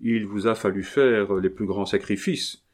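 A man's voice: on the low side, fairly even intonation, unhurried, a little mellow. A man reading aloud voices an emotional young man, a remorseful son who speaks to his father in a fervent, pleading way.

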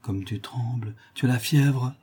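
A man's voice: medium pitch, unhurried, dark tone, slightly rough, pitched above the performer's own voice. A man voicing a frightened middle-aged mother who pleads and soothes. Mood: soothing. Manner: pleading, anxious.

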